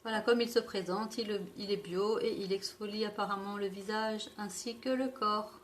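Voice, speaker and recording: A woman's voice: mid-range voice, fairly even intonation, moderate pace, a little hiss or hum. A French-speaking woman reviewing organic makeup in a casual vlog, often stumbling over product names and correcting herself. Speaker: beauty vlogger.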